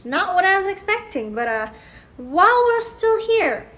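Brief: woman voicing a hesitant teen, high, lively. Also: normal speed, heavily acted. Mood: sheepish. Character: teen kid breaking career news to mom.

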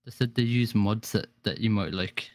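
A man chatting in a relaxed, offhand way while playing a game with a friend. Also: fairly low pitch, moderate pace, no echo. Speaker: streaming co-player. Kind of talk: casual chat while gaming.

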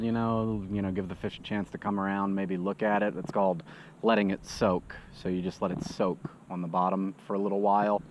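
A man hosting his fishing channel, talking casually outdoors by a lake while he fishes, rambling with lots of "uh" and restarts. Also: on the low side. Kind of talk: casual first-person fishing commentary. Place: outdoors at a windy lake shore. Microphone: head-mounted action camera. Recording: dull lo-fi action camera audio with wind noise.

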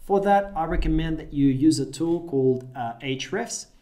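A Russian man in his thirties, a native speaker, tutors affiliate marketing in an upbeat screen-share tutorial from a small room, giving direct instructions. His voice is a little high and dark in tone, at a moderate pace.

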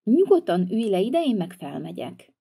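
A dependable handyman, voiced by a woman in a toy-figure video. He speaks calmly and quietly in a mellow, reassuring tone. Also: medium pitch, creaky, husky, full character voice. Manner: calm and reassuring. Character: calm reliable handyman.

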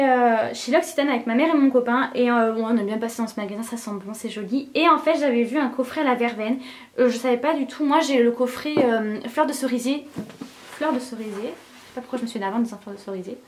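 A young woman vlogging from home in a casual, gushing way, her voice sitting somewhat high. She talks to her camera with plenty of fillers and excited asides. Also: fast talker. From France. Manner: chatty, enthusiastic, gushing with frequent fillers. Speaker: beauty vlogger. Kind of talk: casual vlog chat.

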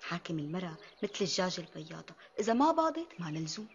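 An actress in a Syrian TV drama playing a sharp-tongued but soft-hearted co-wife, speaking with a Damascene accent. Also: female voice, on the low side, very animated, rapid-fire, dull audio, a little hiss or hum. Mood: coaxing. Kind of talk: TV period drama acting.

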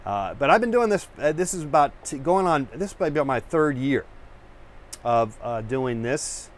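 A man's voice: mid-range voice, expressive, moderate pace. Rambling male painting-show host. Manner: rambling, full of fillers and restarts; self-searching, hunts for words. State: over-caffeinated. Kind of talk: rambling casual chat to camera.

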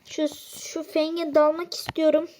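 A woman giving live gameplay commentary, excitable and often exasperated as she plays. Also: high-pitched, unhurried, slight background noise. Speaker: gaming channel host.

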